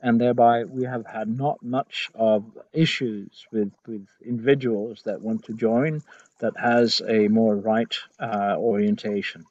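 Halting Swedish-accented man, slow and dull-sounding. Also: lowish voice, fairly even intonation, darkish tone, no echo. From Sweden. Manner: halting, searching for words in a second language. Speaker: representative of a heathen organization. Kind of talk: informal speech on a video call. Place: garden, outdoors. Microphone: video call, close webcam. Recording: dull video-call audio.

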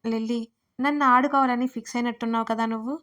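Whiny young woman friend, quick to tears, pitched a little high, read by a woman. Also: steady tone, fairly bright tone, clean tone, close to an everyday voice. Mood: pleading. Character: young woman friend, tearful and easily teased.

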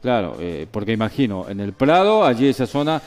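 A man's voice: medium pitch, sing-song, fairly quick, darkish tone. A man in his forties with an Argentine accent, hosting a TV studio interview, encouraging with short affirmations. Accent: Argentine Spanish. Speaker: TV host.

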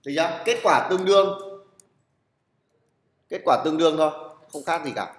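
A man's voice: fairly high pitch, normal speed. A man teaching a programming class, blunt and teasing, who keeps checking with his students and calls on them to answer. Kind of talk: classroom lecture. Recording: echoey room with long reverb.

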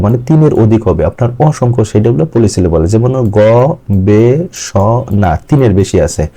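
A man with a mellow, dark voice teaching an online exam-prep lesson. He explains step by step and repeats the key terms. He slows down to sound words out syllable by syllable. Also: lowish voice.

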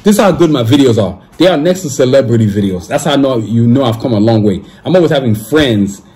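Animated and quick, his medium-pitched, mellow voice carries a podcast host in his thirties through sponsor plugs at his desk in a small room. He talks in a laid-back, slangy way, repeating "you know what I'm saying" a lot.

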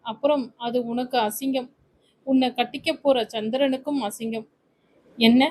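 A woman's voice: fairly high pitch, darkish tone, a little hiss or hum, lightly acted, low-quality recording. A woman voicing an older man, a kindly but firm future father-in-law who gives advice. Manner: firm, advising.

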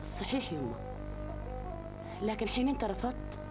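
A woman's voice: mid-range voice, big pitch swings, moderate pace, music in the background, close to an everyday voice. An actress playing a tender, reassuring elderly Bedouin mother in a television drama, speaking Bedouin Arabic. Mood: fond, explaining. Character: affectionate elderly Bedouin mother, eager to see her son married.

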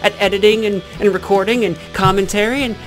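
Chatting casually to camera, a twenties-aged YouTube gaming host from Illinois rambles and corrects himself in a Midwestern American accent. He talks quickly in a high voice with fairly even intonation, faint music behind him. The setting is a small indoor room with a green screen, and he's close to a desk mic fitted with a pop filter.

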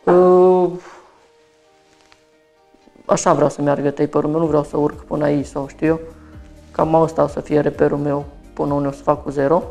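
In a small shop, a man in his thirties from Romania cuts hair and narrates each step as he goes. He speaks in a fairly high, slightly mellow voice.

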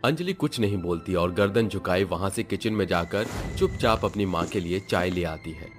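A man narrating an animated family story in a steady storytelling manner. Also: low-pitched, moderate pace, music in the background.

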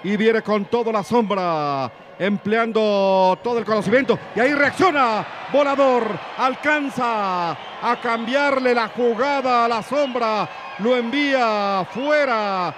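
Excited high-pitched Mexican male wrestling commentator. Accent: Mexican Spanish. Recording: loud arena crowd noise behind.

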